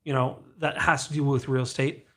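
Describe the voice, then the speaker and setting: A man hosting a casual podcast, animated and telling stories with acted-out dialogue. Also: mid-range voice, a little fast. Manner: animated storyteller who acts out quoted dialogue. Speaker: podcast host.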